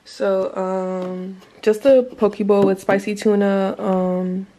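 Young woman, rambling at-home vlogger, monotone delivery. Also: mid-range voice, slow pace. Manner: chatty, rambling, many fillers. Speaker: vlogger, night-shift NICU nurse. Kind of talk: casual chat to camera.

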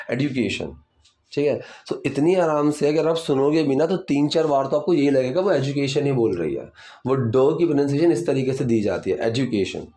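A man with an Indian accent teaching English grammar in Hindi, asking and answering his own questions and reading English examples slowly. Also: medium pitch, warm tone. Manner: breaks sentences into parts, asks and answers his own questions.

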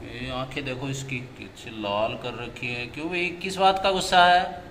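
A man's voice: mid-range voice, normal speed, a bit bright, big-room sound, slight background noise. A man filming his pet parrots at home, talking to them in coaxing, sing-song baby talk. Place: inside a home.

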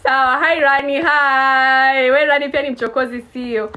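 A woman's voice: high-pitched, steady tone, normal speed, bright, forceful tone. A woman in her twenties from Kenya, chatting casually and teasing her viewers on a live stream. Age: 20s. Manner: playful teasing, mixes English and Swahili.

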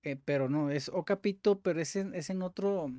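With a high, warm voice and a moderate pace, a man offers casual commentary while doing exercises in his language-learning video. He thinks aloud, corrects himself, and keeps dropping "vale?" and "ok." The sound is clean studio audio with no echo.

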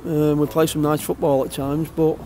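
An older man, a football manager, giving a post-match interview in an empty outdoor stadium stand, halting and repeating his words. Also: on the high side, flat delivery, dark tone.

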